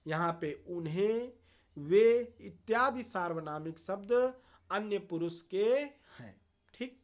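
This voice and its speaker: Female teacher, low-pitched, very slow and methodical classroom delivery. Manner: slow, deliberate, repeats and checks with "thik hai". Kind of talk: classroom grammar lesson.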